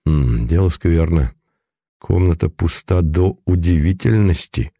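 A man voicing a shrewd middle-aged male detective who gives brisk, decisive, grumbling orders in a storybook reading. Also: low-pitched, animated, gravelly, dark tone, no room sound, studio quality, voice pushed down, heavily acted. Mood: terse.

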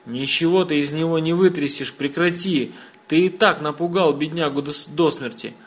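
A man's voice: fairly high pitch, normal speed, natural voice. A man reading a story, voicing a protective mother who fusses over her son. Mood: cold, sharp. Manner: tender, anxious, then sharp. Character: protective fussing young mother.

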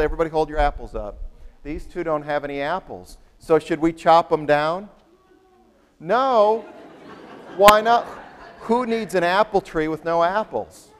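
A man speaks in a big, reverberant hall, leading a children's sermon as a pastor would. He has a sweet, patient Sunday school manner, coaxing gently with simple questions and short phrases. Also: a little high.

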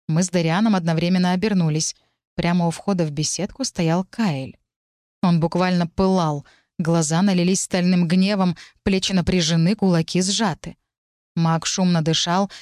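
A woman's voice: fairly low pitch, darkish tone, no echo, studio quality. Woman reading a romance novel aloud. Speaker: audiobook reader. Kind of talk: first-person novel narration.

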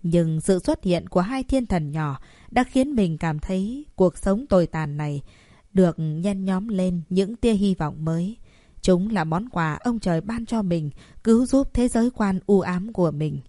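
A woman's voice: fairly low pitch, animated, unhurried, dark tone, no room sound, clean studio sound. A woman voicing a tearful, grateful young mother in a narrated story. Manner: choked, tearful.

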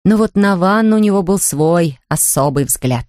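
A woman narrates a children's storybook in a lively, expressive way. Her voice sits on the lower side and sounds dry and close to the mic. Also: moderate pace, no echo. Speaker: audiobook narrator.

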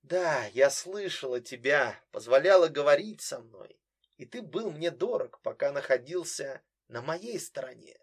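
A man's voice: fairly high pitch, expressive, measured pace. A man voicing a bitter, mocking young woman who coldly accuses her brother in an audiobook.

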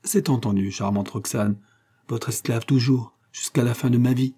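Storybook lover: male reader as a gallant young nobleman, tender, hushed, mellow. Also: medium pitch, normal speed, husky, lightly acted.

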